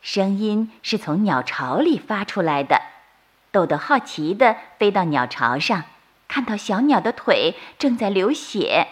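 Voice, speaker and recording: A woman storyteller narrating a bedtime story for children in a slow, soothing manner. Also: mid-range voice, very animated, husky. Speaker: storyteller host.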